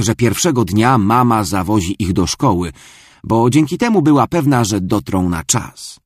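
A man reading a children's story aloud with expressive, storytelling delivery. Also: on the low side, slightly rough, no room sound, clean studio sound. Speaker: narrator.

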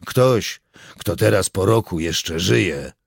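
A man voicing a suspicious, grim male partisan leader with a terse, gruff manner. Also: low voice, expressive, slow pace, dry recording, clean studio sound, exaggerated voice. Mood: sullen.

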